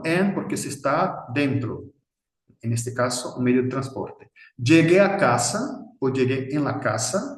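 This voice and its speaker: A Brazilian man with a Portuguese accent, teaching a language lesson in a deliberate way and often adding a questioning tag. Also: medium pitch, roomy sound, low-quality recording. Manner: deliberate, frequent tag "¿no?", slow spelled-out examples. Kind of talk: instructional explanation.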